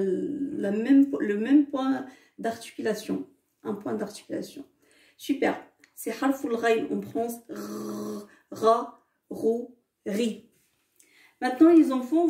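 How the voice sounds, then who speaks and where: A woman's voice: on the high side, vocal fry, warm tone. A woman teaching the alphabet to children in a remote lesson, patient and checking often that they follow. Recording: echoey room, distant mic.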